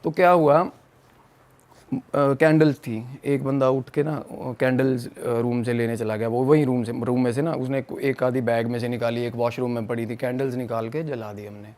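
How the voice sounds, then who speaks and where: Podcast guest, young man from Punjab, animated storyteller who voices his friends' lines. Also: mid-range voice, moderate pace. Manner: animated, acts out friends' quotes. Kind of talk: casual storytelling chat.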